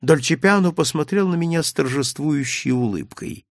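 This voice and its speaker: A man reading a first-person adventure story aloud with dramatic, expressive storytelling. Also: fairly high pitch, moderate pace, no echo, clean studio sound. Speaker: audiobook narrator. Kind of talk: first-person literary narration.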